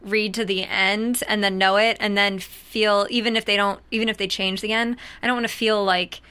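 A chatty young woman co-hosts a casual TV recap show. Her voice is bright and crisp, with a smooth, resonant tone. She thinks aloud as she talks. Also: mid-range voice, little pitch movement, moderate pace. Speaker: co-host.

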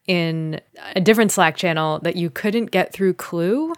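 A woman with a somewhat low voice co-hosts a podcast, teasing her partner playfully and often breaking into laughter. The sound is dry and close to the mic. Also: measured pace, dry recording. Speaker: podcast co-host. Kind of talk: casual chat about films.

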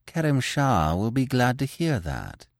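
A man's voice: medium pitch, very animated, unhurried, gravelly, no room sound, clean studio sound, pitched above the performer's own voice. A man voicing a reserved male servant magician who speaks in a restrained, anxious way, afraid of his masters. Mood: calm.

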